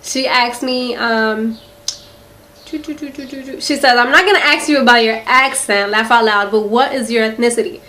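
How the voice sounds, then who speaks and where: A young beauty vlogger from Philadelphia, USA, with a local accent, chats casually and rambles to camera in a quiet room in a house, saying "um" and "like" a lot. Her voice is on the high side, bright and forceful, at a normal speed.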